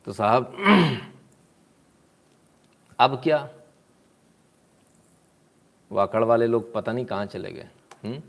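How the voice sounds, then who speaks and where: A man doing casual political commentary in a sarcastic, mocking tone. He often clears his throat and asks "hmm?" between points. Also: medium pitch, expressive, takes it slowly, pauses often, a bit bright.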